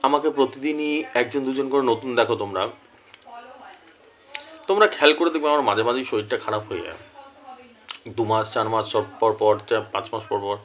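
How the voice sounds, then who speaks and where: A man who is unwell with a headache, talking slowly and carefully straight to camera as a lottery tipster and repeating his numbers. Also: mid-range voice, fairly bright tone, lo-fi sound. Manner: slow, careful speech, repeating figures. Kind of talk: direct-to-camera talk.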